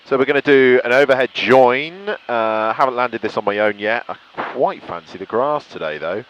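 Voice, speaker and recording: A student pilot vlogs while flying a small light aircraft, casually narrating to himself from the cockpit. His mid-range voice moves at a moderate pace, and the muffled recording is filled with the steady noise of the aircraft engine.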